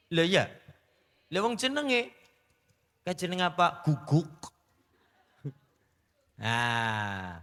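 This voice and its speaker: A man preaching a village sermon, lively, asking the crowd questions and joking. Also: mid-range voice, long reverb tail. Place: religious gathering in a village.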